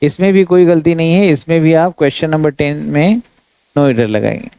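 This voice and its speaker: Man teaching grammar, dark dry voice. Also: fairly high pitch, creaky, smooth, dry recording, lo-fi sound. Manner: reads English sentences slowly, explains in Hindi; addresses students as friends, steady instructive delivery. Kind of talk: exam-prep grammar lesson.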